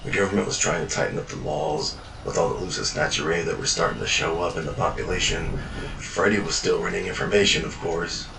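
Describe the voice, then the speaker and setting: A man with a very low voice and some vocal fry narrates a first-person fictional journal a little fast, weary and world-worn, cursing often. The sound is roomy and noisy, captured by a distant mic in an echoey space.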